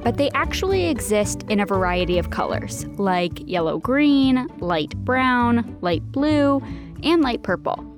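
A woman producing a podcast, reading scripted narration in a clear, informative way. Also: on the high side, big pitch swings, a little slow, music in the background.

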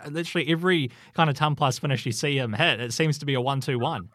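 A man hosts a relaxed sports radio show. He chats conversationally and runs through statistics. His voice sounds dry and close. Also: mid-range voice, fast, no room sound. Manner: conversational, reads out stats. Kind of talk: casual sports radio chat.

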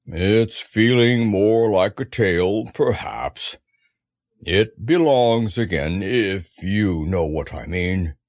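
A man voicing a gloomy, self-pitying storybook donkey who grumbles in a slow, mournful drawl. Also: lowish voice, darkish tone, no room sound, studio quality, pitched below the performer's own voice. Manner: slow, mournful, drawn-out delivery.

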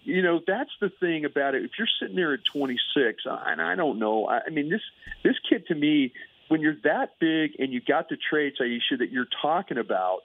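A man's voice: on the high side, lively intonation, fairly quick, gravelly, no echo. A man calling in as a guest analyst, rambling in casual chat with lots of fillers. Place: calling in remotely. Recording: tinny phone line.

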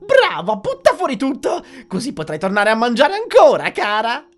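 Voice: huge pitch swings, moderate pace. A narrator voicing a sinister, mock-cheerful male hatter who coaxes a girl to keep eating, over faint music. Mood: creepy coaxing. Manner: coaxing, high and loud, mock-cheerful. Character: creepy sinister male hatter, sugary and menacing.

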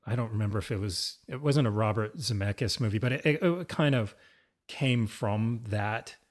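A man's voice: on the low side, normal speed. Hesitant man musing about a film. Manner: hesitant, restarts often, musing. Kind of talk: casual film discussion.

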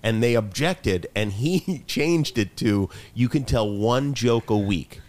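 A man on a podcast, earnestly telling a memory from high school. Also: animated, takes it slowly, a little mellow. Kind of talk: casual chat.

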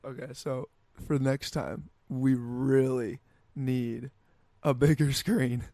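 A man's voice: medium pitch, fairly even intonation, takes it slowly, dark tone, no echo, clean studio sound. A man co-hosting a podcast, chatting casually. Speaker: podcast co-host. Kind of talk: casual chat.

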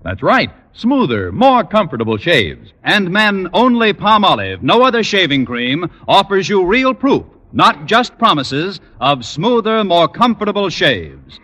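A man announcing on an old broadcast disc in a polished 1950s radio style, with an emphatic sales pitch. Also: sing-song, unhurried, pushed and bright. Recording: old broadcast disc, reverberant, music behind.

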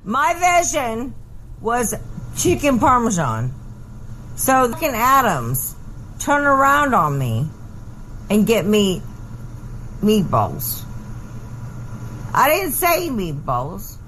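Woman, slow and furious, a profane berating rant with big pitch swings. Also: wildly swooping pitch, a little hiss or hum, low-quality recording. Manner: profane, berating, shouting bursts. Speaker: group leader in archive clip. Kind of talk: angry livestream rant.

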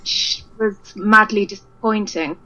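A woman's voice: mid-range voice, fairly even intonation, a little slow, bright, forceful tone. Chatty woman on a crackly cordless phone line, her voice thin and muffled as it fades in and out. She talks casually, with plenty of ums and you-knows. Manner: chatty, with many fillers. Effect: crackly cordless phone line, fading in and out. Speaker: guest musician. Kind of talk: casual interview over the phone. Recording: dull phone-line sound.

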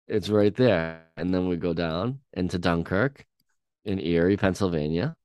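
A young man co-hosting a casual song-reaction chat, talking in a halting way with many ums and restarts. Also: low-pitched, clean tone, no room sound, highs cut off. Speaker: podcast co-host.

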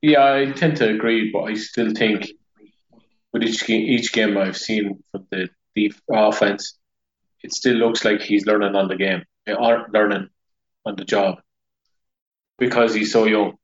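A man's voice: on the low side, fairly even intonation, unhurried. A man hosting a casual sports podcast, agreeing briefly with his co-host and moving the show along to each new segment. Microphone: remote call over the internet. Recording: muffled, echoey internet call audio.

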